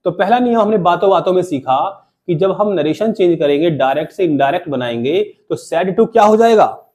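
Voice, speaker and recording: A man's voice: sits high, lively intonation, moderate pace, darkish tone. A man teaching an English grammar lesson to a classroom of students, repeating key terms and asking the class to say them back. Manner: call-and-response questioning, repeats key terms.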